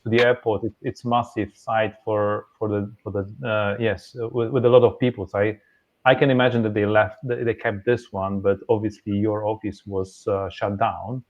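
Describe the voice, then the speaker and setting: A man's voice: fairly low pitch, little pitch movement, moderate pace, a little mellow, muffled recording. A man hosting a podcast, speaking in casual conversation and often repeating words as he restarts his sentences. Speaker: podcast host.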